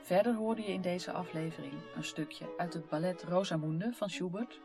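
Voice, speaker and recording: A woman's voice: lowish voice, moderate pace. A woman reads scripted closing credits as a podcast announcer. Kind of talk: scripted narration. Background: violin music.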